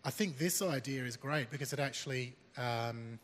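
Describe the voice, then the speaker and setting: A man's voice: medium pitch, moderate pace, fairly bright tone. Hesitant man speaking up in a hall. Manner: hesitant, many fillers. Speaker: college staff, audience member. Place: large semi-open hall. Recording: long hall reverb.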